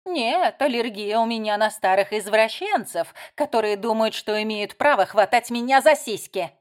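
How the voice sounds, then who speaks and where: A woman reading aloud voices a spiteful, sarcastic young woman who mocks and shouts insults. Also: fairly high pitch, animated, moderate pace, lightly acted. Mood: furious.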